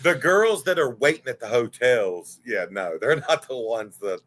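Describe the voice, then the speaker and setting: Animated, bright-voiced man in his forties. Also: medium pitch, normal speed, a little hiss or hum. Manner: animated, candid storyteller who swears freely. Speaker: guest. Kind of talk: casual livestream chat.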